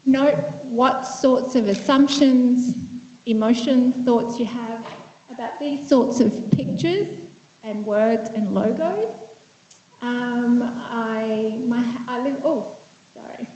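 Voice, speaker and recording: A woman's voice: a little high, takes it slowly, warm tone, slight background noise. Conversational woman psychiatrist in echoey hall. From Vietnam. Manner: thoughtful, conversational, with frequent fillers and restarts. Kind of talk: conference presentation. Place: lecture room. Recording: echoey hall, dull lo-fi sound.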